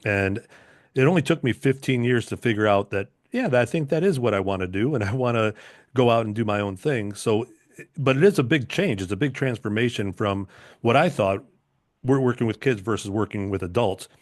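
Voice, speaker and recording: A man's voice: medium pitch, expressive, a little fast, no echo. Male podcast host, dry close sound. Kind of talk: conversational interview.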